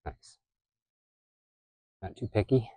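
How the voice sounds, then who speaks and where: A man's voice: slow pace, dark tone, no echo. A man filming a casual vlog outdoors at an animal enclosure, asking easygoing, curious questions. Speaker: vlogger filming a visit. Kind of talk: casual handheld vlog chat.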